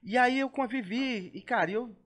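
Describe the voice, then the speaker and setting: A man's voice: extremely high pitch, moderate pace, a bit bright. A middle-aged man, a rock musician, talking as a podcast guest in an emotional, heartfelt way, swearing freely and stumbling over repeated words. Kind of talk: emotional casual chat.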